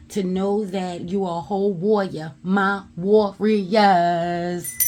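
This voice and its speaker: Speaking low and loud over slight background noise, a woman reads tarot and shares a spiritual message. Her delivery is emphatic and blunt, occasionally profane, and studded with repeated affirmations.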